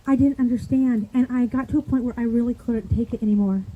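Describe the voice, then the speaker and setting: A woman's voice: fairly high pitch, steady tone, fast talker, narrow, tinny audio, a little hiss or hum. A woman giving a heartfelt eulogy for her husband at a memorial, talking in an earnest, raw way that turns pleading at times.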